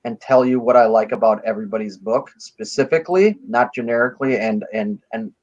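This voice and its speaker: A man on a comics panel, talking in a measured, thoughtful way with many fillers. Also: medium pitch, a little mellow. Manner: measured, thoughtful, lots of "you know". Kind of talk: casual panel chat. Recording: dull lo-fi mic.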